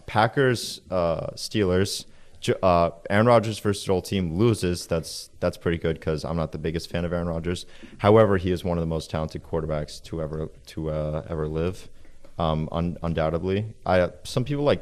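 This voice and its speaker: A young man in casual sports chat, rattling off player stats with lots of fillers and an occasional voice crack. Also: deep voice. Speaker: co-host.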